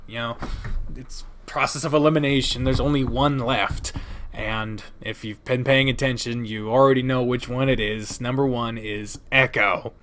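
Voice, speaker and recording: Another game-ranking video creator, a man, delivers his opinionated review commentary in a conversational way at a moderate pace. His voice is medium in pitch, steady and a touch bright, yet he's emphatic, with dramatic build-ups and offhand swearing.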